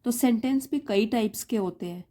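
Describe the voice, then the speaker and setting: A woman's voice: a little high, moderate pace, dark tone. A woman teaching English grammar in Hindi, with an Indian English accent, explaining patiently step by step and repeating key terms.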